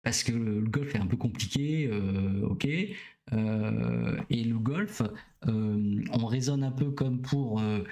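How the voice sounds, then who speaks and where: A man's voice: fairly low pitch, slow pace, vocal fry, mellow. Hesitant middle-aged man, casual explainer. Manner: hesitant, many "euh" fillers, often checks in with listeners. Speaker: doctor streaming to viewers. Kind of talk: casual explanatory talk to a live audience.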